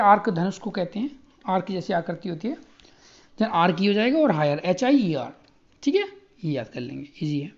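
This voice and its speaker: Man spelling words out letter by letter. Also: sits high. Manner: spells words out letter by letter, repeats checks for understanding. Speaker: exam coaching teacher. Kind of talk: recorded spelling lesson. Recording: muffled lo-fi recording.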